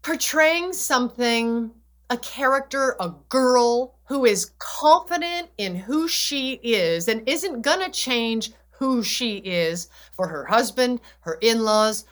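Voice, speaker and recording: Slow-speaking woman guest. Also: on the high side, animated. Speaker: interview guest. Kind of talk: reflective conversation.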